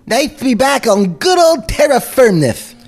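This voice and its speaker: A man voicing a frantic, goofy male cartoon rabbit in a comedic table read, with a high, zany cartoon voice. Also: big pitch swings, unhurried, exaggerated voice. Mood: dazed. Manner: sings and yelps in panic.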